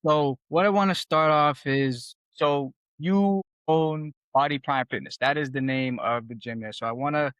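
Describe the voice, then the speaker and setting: A man's voice: on the high side, moderate pace, few pauses, fairly bright tone, clear, resonant tone, no room sound. A man hosting his podcast, asking questions in a laid-back, slangy way, full of "like" and "kinda". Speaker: podcast host. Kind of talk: casual interview conversation.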